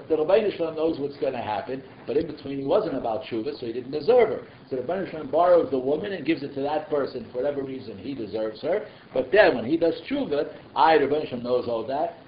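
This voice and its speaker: A man's voice: mid-range voice, animated, fast talker, few pauses. A man with giving an informal religious class, asking rhetorical questions and slipping in conversational asides. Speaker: rabbi giving a Torah class. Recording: echoey, muffled room recording with noise.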